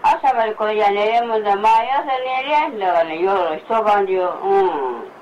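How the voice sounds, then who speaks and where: A woman's voice: medium pitch, moderate pace, a little mellow, slight background noise. An older woman grumbling and repeating the same complaints, recorded at home. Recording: distant, dull home recording.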